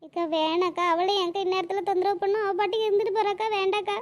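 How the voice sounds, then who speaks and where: A woman voicing a grieving young mother in a cartoon, pleading and lamenting with a very high, squeaky voice. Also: steady tone, quick pace, darkish tone. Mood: tearful lament. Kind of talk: cartoon voice acting.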